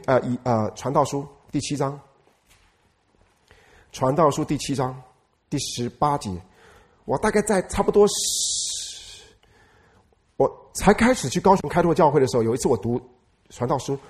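A man's voice: mid-range voice, a little mellow. A man, a pastor giving a sermon who stresses points by repeating phrases and asks the congregation questions. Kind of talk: lively sermon.

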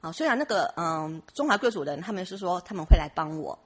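Fast-talking woman, husky voice. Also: lowish voice, expressive. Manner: chatty storytelling with many restarts and laughs. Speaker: church member giving a testimony. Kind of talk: personal testimony.

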